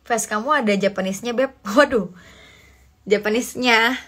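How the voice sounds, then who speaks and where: A woman's voice: fairly high pitch, normal speed. Chatty young Indonesian woman livestreaming. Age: young adult. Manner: chatty, animated, mixes in slang and English. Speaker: livestream host reading comments. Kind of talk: casual livestream chat.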